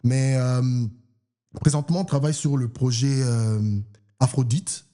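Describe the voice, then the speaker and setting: A man's voice: medium pitch, a little slow. A young man from Canada, a guest artist in a casual podcast chat, mixing English words into his talk. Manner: relaxed, mixes in English words.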